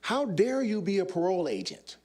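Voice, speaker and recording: A man's voice: high voice, huge pitch swings, fairly quick, darkish tone. A middle-aged man, a former undercover officer, telling stories on stage in a demonstrative, act-it-out way. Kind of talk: animated storytelling talk on stage. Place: stage before an audience.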